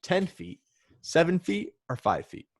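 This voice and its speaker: A man's voice: high voice, big pitch swings, a little slow, gravelly. Casual man hosting a trivia quiz. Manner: reads quiz questions and options, joking asides. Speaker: podcast host running a trivia quiz. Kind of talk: casual podcast chat.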